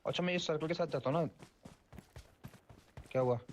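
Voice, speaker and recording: A man in casual in-game voice chat, making quick, repetitive callouts to a teammate. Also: fairly high pitch, background noise.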